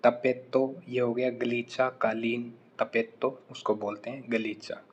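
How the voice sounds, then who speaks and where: A man teaching vocabulary, saying each word slowly and clearly, then explaining it quickly. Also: mid-range voice, flat delivery, muffled recording, slight background noise. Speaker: language teacher. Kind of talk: vocabulary lesson.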